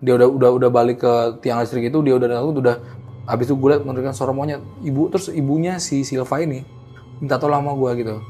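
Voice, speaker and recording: A young man casually tells a horror story in a lively, slangy way. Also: mid-range voice, quick pace, faint music behind. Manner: animated, acts out the people in his story, slangy. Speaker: guest storyteller.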